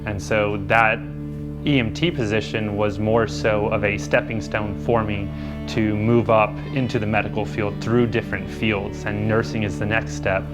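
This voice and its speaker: In a documentary interview, a young man training as a nurse reflects earnestly, his words peppered with fillers. His pitch is fairly low and his delivery flat, at a moderate pace, with music playing underneath.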